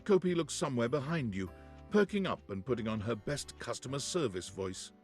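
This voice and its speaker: An actor as a wry narrator reading scripted second-person narration for a video game. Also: male voice, mid-range voice, expressive, fairly quick, close to an everyday voice. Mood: dry, descriptive. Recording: music behind the voice.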